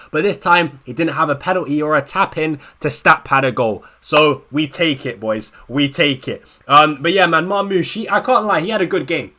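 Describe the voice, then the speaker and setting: Exasperated young man ranting. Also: on the high side. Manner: exasperated, animated, slangy, stumbling restarts. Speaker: fantasy football YouTuber. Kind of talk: casual ranting reaction video.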